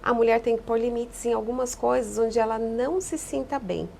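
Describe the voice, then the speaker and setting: Woman psychologist, gravelly fry in her voice, a bit high, calm explaining, faint room hum. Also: brisk. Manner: calm, explanatory, repeats key phrases. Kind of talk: podcast interview answers.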